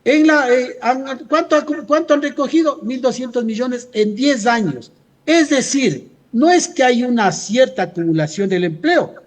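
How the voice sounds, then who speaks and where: This Ecuadorian man, a union leader on a radio interview, has an extremely high voice with lively intonation and a slightly slow delivery. He argues emphatically and insistently, answering his own rhetorical questions.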